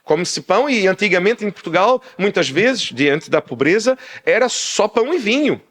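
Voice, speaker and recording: A man preaching a sermon as pastor, loud by habit and animated, acting out small dialogues as he explains. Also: high-pitched, normal speed. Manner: animated, acts out little dialogues; speaks loudly by habit. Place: church in Portugal.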